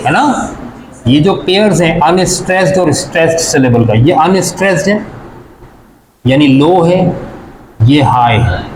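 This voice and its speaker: A male teacher with a Karachi Urdu accent, giving a classroom lecture, explaining step by step and putting questions to the class. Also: fairly high pitch. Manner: explains step by step, counts syllables aloud, asks the class questions. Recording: echoey room with faint background noise.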